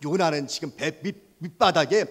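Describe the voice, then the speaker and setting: A man preaching to children as a Sunday school preacher, telling a Bible story in an animated way and asking them questions. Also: a little high, moderate pace. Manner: animated, asks children questions, voices sound effects.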